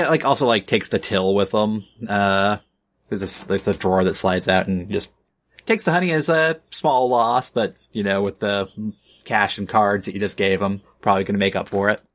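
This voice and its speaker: A man's voice: on the low side, moderate pace, a bit bright. A man narrating as game master of a tabletop game, loose and full of fillers, laughing often.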